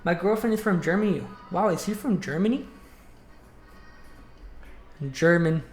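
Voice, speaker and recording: A man's voice: sits high, measured pace, a little mellow. A man chatting casually on a live stream, rambling with many fillers. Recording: roomy with faint music.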